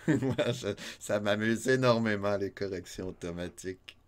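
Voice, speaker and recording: This man's voice runs on the low side and keeps a measured pace as he streams a retro game in Québécois-accented French. Chatty and jokey, he laughs often and reads viewer chat aloud during the casual let's-play.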